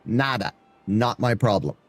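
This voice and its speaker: Lively-pitched chatty male streamer. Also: unhurried. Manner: chatty, rambling, stumbles and repeats words. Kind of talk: live-stream gameplay commentary.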